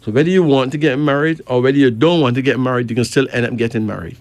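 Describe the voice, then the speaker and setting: A man's voice: medium pitch, fast, darkish tone, no room sound. A man from Barbados, chatting and reading cards, emphatic with rising questions. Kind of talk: casual chat and card reading.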